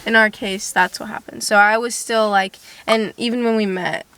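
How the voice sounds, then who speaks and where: Bright, giggly young woman. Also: medium pitch, steady tone, moderate pace, smooth, no echo. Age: young adult. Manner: giggly, reads out questions, fillers. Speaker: vlogger, girlfriend, student. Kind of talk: casual couple chat.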